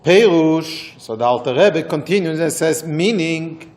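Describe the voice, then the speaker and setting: A man with a Moroccan accent teaching an interactive religious text class, halting and repeating phrases for emphasis. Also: a little high, lively intonation, darkish tone.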